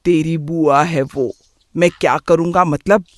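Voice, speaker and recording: A woman's voice: low voice, steady tone, a little slow, no echo, studio quality. A woman voicing a firm, scolding traditional mother in a cartoon. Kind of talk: cartoon voice acting.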